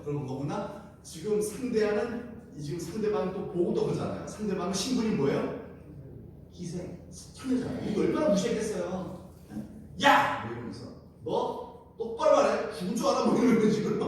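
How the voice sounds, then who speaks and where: Lively pastor in an echoey church. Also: male voice, fairly high pitch, recorded from a distance, slight background noise. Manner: animated, asks the congregation questions and acts out scenes. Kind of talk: sermon at a midweek prayer service.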